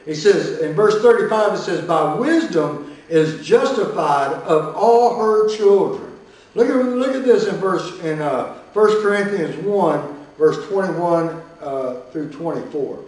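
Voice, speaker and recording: A man's voice: high-pitched, expressive, unhurried, darkish tone, far from the mic. A man pastor teaching a Sunday school Bible lesson in a folksy way, with many fillers and restarts. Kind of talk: Bible lesson with scripture reading. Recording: very echoey room, voice from off-mic.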